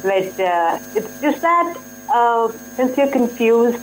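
A woman's voice: a little high, very animated, slow pace, slight background noise, low-quality recording. A woman with an Indian accent offering casual advice as a co-host, reflective and a little hesitant.

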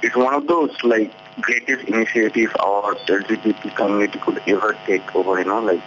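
A man's voice: on the low side, fairly even intonation, brisk, a bit bright. Rambling male caller saying "like" a lot. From India. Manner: rambling, says "like" a lot, teasing. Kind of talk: casual phone-in chat. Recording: dull lo-fi with faint hum.

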